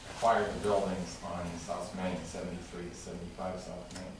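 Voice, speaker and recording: A man making a halting public comment to a city council, full of fillers and restarts. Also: low-pitched, flat delivery. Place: large council chamber with tall windows. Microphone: room mic from far off. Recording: echoey chamber recorded from far off with noise.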